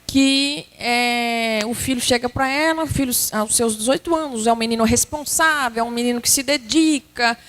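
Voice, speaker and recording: A woman with a Brazilian Portuguese accent giving a spiritist talk, telling stories lively and acting out everyday scenes. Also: a little high, moderate pace, few pauses. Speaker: spiritist lecturer.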